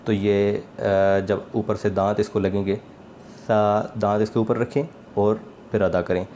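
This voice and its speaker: Man teaching letter sounds, mellow tone, patient, repeats each letter. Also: fairly low pitch, flat delivery, slight background noise. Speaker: Quran recitation teacher. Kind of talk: slow spoken lesson on letter pronunciation.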